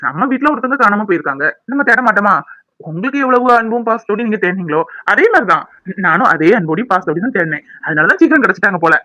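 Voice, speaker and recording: A man's voice: high voice, big pitch swings, rapid-fire, sharp tone, no echo, heavily acted. Man voicing a smug, taunting cartoon schemer. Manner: mocking and needling. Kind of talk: cartoon voice acting.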